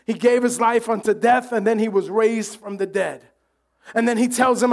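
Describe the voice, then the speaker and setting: A man with a high-pitched voice preaches a sermon with animated delivery, cracking jokes and acting out the voices of the crowd.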